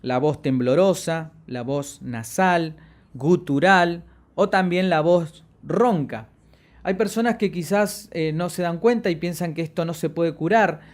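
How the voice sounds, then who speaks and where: A man giving a voice-training lesson, playing with his pitch and loudness and stretching out key words for emphasis. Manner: expressive, varies pitch and loudness on purpose, drawn-out emphasis. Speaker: voice and media instructor. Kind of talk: lecture on voice projection.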